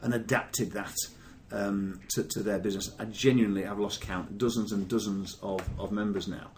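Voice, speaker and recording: A man's voice: on the low side, fairly even intonation, normal speed, darkish tone, slight background noise. Chatty male podcast host. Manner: chatty, rambling with many fillers. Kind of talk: casual podcast chat.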